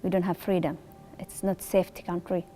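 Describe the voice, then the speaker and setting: A woman speaks earnestly in a documentary interview, using simple, direct phrasing. Her voice is low-pitched and warm. Faint music runs beneath her. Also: little pitch movement, brisk. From Eritrea. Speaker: resettled refugee.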